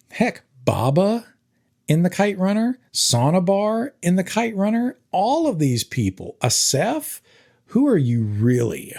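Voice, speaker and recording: An earnest male English teacher from Tennessee talks through a summer reading assignment on his podcast. His voice sits at a middling pitch for a man and leaps up and down for emphasis as he goes. It is reflective, spoken teaching rather than a read script. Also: creaky. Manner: earnest, animated, with big swings in pitch for emphasis. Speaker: high school English teacher.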